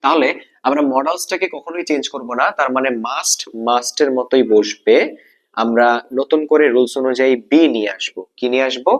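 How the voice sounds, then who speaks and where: Speaking at a normal speed with a medium-pitched voice, a Bangladeshi-accented man walks through English grammar for exam preparation one step at a time. He frequently repeats points and poses questions, then answers them.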